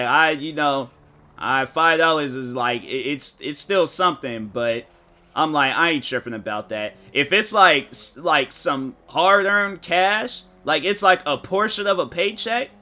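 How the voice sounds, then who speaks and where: Slangy, animated male gaming streamer. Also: fairly high pitch, measured pace. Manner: rambling storytelling, slangy, animated, mock-quotes people. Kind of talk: casual chat while streaming a game.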